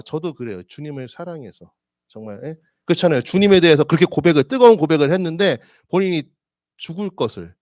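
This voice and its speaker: A man's voice: on the high side, no echo, studio quality. A man preaching a sermon as pastor, talking conversationally, asking the congregation questions and acting out voices in his stories. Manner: lively and conversational, asks the congregation questions, acts out quoted voices. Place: church sanctuary.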